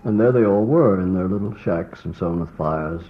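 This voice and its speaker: Deep male storyteller, wry and unhurried, played from old worn tape with a muffled, lo-fi sound. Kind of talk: recounting an anecdote. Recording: dull lo-fi old tape with faint music.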